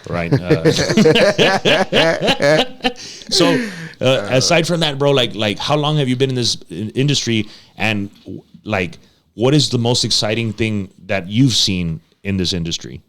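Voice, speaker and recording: A man's voice: sing-song, slow, a bit bright. A man hosting a casual podcast, talking slangy with Spanish words mixed in. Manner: slangy, mixes Spanish words, coos at the dog in a high voice. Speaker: podcast host.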